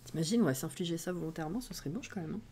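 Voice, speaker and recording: A woman's voice: fairly low pitch, racing, dark tone, a little hiss or hum. A woman streamer in casual chat with her viewers, laughing often and greeting people as they come in.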